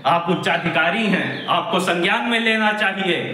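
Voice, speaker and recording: A man, a social activist, reporting indignantly and emphatically while walking around a village primary school, speaking loudly to the camera. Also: high-pitched, moderate pace, echoey room. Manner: indignant, emphatic, loud denunciation. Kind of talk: on-the-spot investigative video report.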